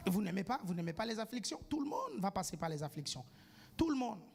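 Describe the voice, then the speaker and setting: A man delivers a sermon in a strikingly high voice. He presses each point home, keeps asking his listeners whether they follow, and now and then bursts into a shout. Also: big pitch swings, fast talker, gravelly, slightly rough. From grew up outside France. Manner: emphatic, keeps asking the congregation "do you follow?". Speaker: preacher.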